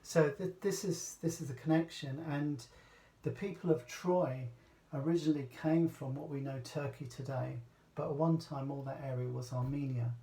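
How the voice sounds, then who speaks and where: A man's voice: on the high side, fairly even intonation, normal speed, dark tone. A man from Britain giving a casual, rambling talk, full of hesitations and restarts. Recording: echoey room, voice from a distance.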